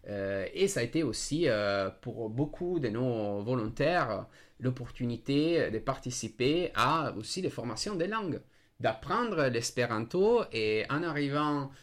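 A native Italian speaker from Italy talks in an unscripted discussion, hesitating and groping for words in his Italian-accented speech. His voice is mid-range with lively intonation, and he speaks a little slowly.

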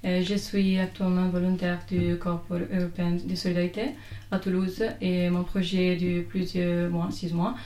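Radio guest, woman in her twenties, Italian accent, low mellow voice, reverberant room. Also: completely flat delivery, normal speed. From Italy. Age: 20s. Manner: careful, learner's French. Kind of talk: radio interview answers. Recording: echoey room.

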